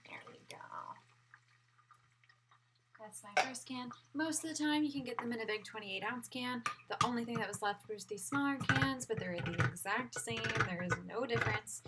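An upbeat young woman talks through a recipe in a small home kitchen, her voice sitting a bit high. She drifts toward and away from the webcam as she works. Clanking pots and clicks are loud under her voice. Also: normal speed. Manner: chatty and upbeat, moving around while cooking. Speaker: cooking instructor. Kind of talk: casual cooking demonstration. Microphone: laptop webcam at a distance. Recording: loud cooking noise and clicks.

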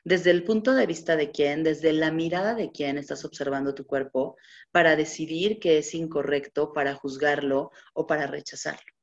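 A young adult woman coach giving a motivational live talk to an audience, asking a stream of questions and chanting repeated clearing phrases. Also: sits low, moderate pace. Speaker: body-positivity coach. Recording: muffled lo-fi recording.

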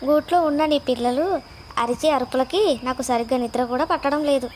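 Guy putting on a squeaky high stuck-up peacock lady, bossy and haughty, storybook, bugs chirping behind. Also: brisk, a little hiss or hum. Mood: scornful. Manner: haughty, scolding. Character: vain proud female peacock, scornful. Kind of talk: storybook character voice.

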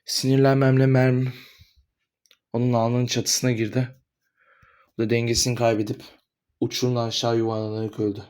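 A man voicing a hot-headed young man who shouts back defiantly in an animated drama. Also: mid-range voice, a little fast, long pauses, clean tone, lightly acted. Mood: flat recounting. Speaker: voice actor in amateur animated drama.

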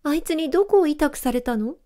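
A woman voicing a gentle, tender-hearted little girl in a storybook reading. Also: high-pitched, lively intonation, fairly quick, voice pushed up. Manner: soft, caring and childlike.

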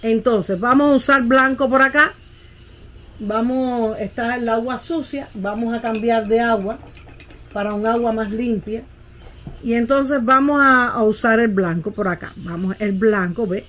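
A woman's voice: fairly high pitch, steady tone, unhurried, fairly bright tone, a little hiss or hum. A middle-aged woman, teaching how to paint a landscape in a casual tutorial and often checking that the viewer follows. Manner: patient, keeps asking "¿ve?" while demonstrating.

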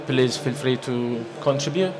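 Standing at the lectern of a large conference hall, an Italian conference presenter in his thirties gives an unhurried, conversational seminar talk in a medium-pitched, Italian-accented voice, often restarting and using fillers. His lectern microphone also picks up the crowd of listeners around him.

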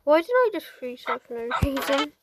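A woman's voice: sits high, sing-song, moderate pace, noisy background. A woman gamer giving playful, jokey gameplay commentary to her viewers. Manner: chatty, jokey, talks to viewers.

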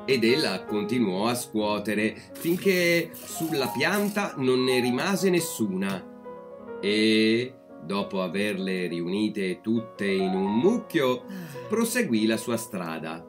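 A man reading a fairy tale aloud as a storyteller, calm and measured. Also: lowish voice, music in the background.

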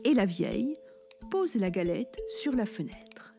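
A woman telling a children's story aloud, slow, clear and expressive. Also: mid-range voice, faint music behind.

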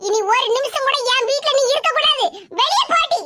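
Woman voicing a shrill, sharp-tongued cartoon mother-in-law, Tirunelveli Tamil, over loud noise. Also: moderate pace. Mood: angry scolding. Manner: scolding, threatening, mocking.

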